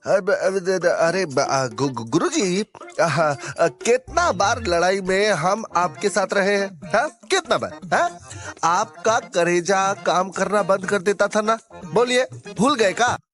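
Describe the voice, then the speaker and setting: A jittery Bihari sidekick. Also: male voice, very high voice, very animated, slow, fairly bright tone, faint music behind, voice pushed up, exaggerated voice. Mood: stammering. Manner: stammering, jittery, chatty. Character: nervous, flattering young sidekick man. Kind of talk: audio drama storytelling.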